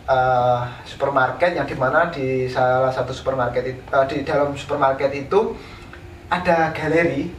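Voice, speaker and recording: A man from East Java, an interviewed painter, tells his life story in a casual, unhurried way with many fillers. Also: medium pitch, steady tone. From East Java, Indonesia. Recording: roomy, from a distance, faint background noise.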